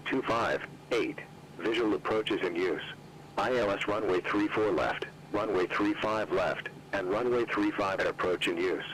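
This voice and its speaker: A man reading an airport weather broadcast heard over a flight sim radio, reading numbers and runways in a flat, even way. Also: deep voice, slight background noise, low-quality recording. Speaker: airport information announcer. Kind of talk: recorded automated airport information broadcast.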